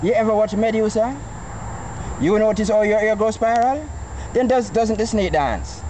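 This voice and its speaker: A man's voice: high-pitched, moderate pace, darkish tone. A man with a Jamaican accent philosophizing informally, teaching by quizzing his listeners with rhetorical questions. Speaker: Rastafarian farmer. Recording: noisy outdoor recording with traffic.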